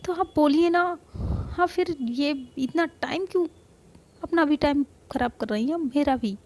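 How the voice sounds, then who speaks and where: A woman's voice: high voice, unhurried, a little mellow, pitched above the performer's own voice. A woman voicing an impatient young woman who teases in curt, short lines. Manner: curt and teasing.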